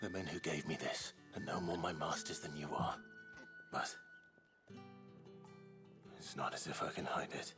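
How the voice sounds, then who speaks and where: Grim, guarded young swordsman, extremely deep voice, terse lines, game cutscene. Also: fairly even intonation, unhurried, long pauses, music in the background.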